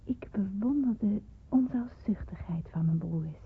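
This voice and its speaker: This woman's voice is medium-pitched, husky and animated, moving a little slowly in a full character voice. She plays an earnest, contented schoolgirl giving scripted first-person narration for a radio drama recorded with a thin, phone-like sound.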